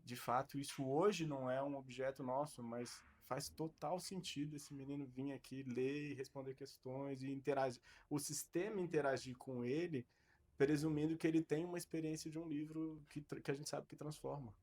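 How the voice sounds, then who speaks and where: A man's voice: mid-range voice, fairly even intonation, normal speed, a little mellow. Thoughtful Brazilian man, podcast guest. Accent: Brazilian Portuguese. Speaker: podcast guest, tech entrepreneur. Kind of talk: casual podcast conversation.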